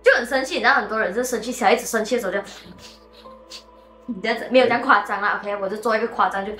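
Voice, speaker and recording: Fast-talking woman telling a ghost story. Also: a little high. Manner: animated, mixes in English words. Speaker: host and storyteller. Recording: echoey room with faint music.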